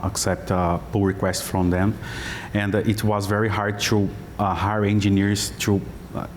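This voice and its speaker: Deep flat-voiced man with hesitant speech. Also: a little hiss or hum. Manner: hesitant, many fillers, non-native phrasing. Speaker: head of platform engineering, panelist. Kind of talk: conference panel discussion. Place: conference stage. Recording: hall reverb with faint ambience.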